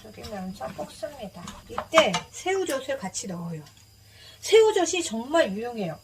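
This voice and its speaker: A woman's voice: fairly high pitch, very animated, normal speed. A woman casually talking through her home cooking as she works, with an easygoing, explaining manner. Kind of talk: casual cooking narration while cooking. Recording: noisy kitchen with chopping and clicks.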